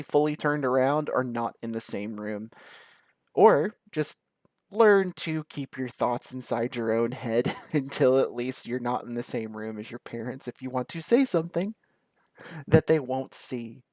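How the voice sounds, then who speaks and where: A young man talking casually to the camera, telling funny stories with quick asides and frequent laughs. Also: medium pitch, darkish tone, no room sound. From American South. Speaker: vlogger.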